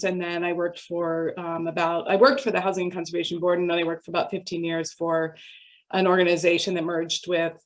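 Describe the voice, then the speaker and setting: An older woman with a fairly low voice speaks over a video call. She introduces herself earnestly and thoughtfully, pausing often as she gathers her words. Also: poor audio. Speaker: housing consultant. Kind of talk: online community meeting introduction.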